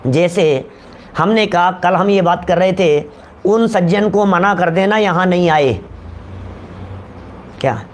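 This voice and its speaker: A man's voice: high voice, slow pace, pauses often, a little hiss or hum. A man lecturing a class on scripture, repeating his points and calling on listeners by name, often asking whether they follow. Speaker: teacher of scripture.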